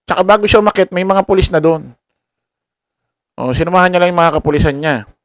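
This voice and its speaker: A man's voice: sits high, fast, no room sound. A man giving casual political commentary to viewers, mocking and laughing, full of rhetorical questions. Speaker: commentary vlogger.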